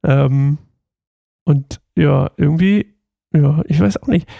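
A man's voice: fairly high pitch, slow pace, creaky, mellow, breathy edge, no room sound. A man reading scripture aloud and then musing about it casually, with many hesitations. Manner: chatty, hesitant with fillers when commenting. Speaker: bible reader and commentator. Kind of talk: bible reading with casual commentary.

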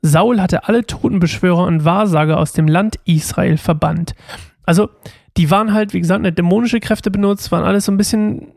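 A man's voice: sits high, brisk, creaky, dry recording, studio quality. A man reading a Bible story aloud and explaining it in chatty asides full of fillers.

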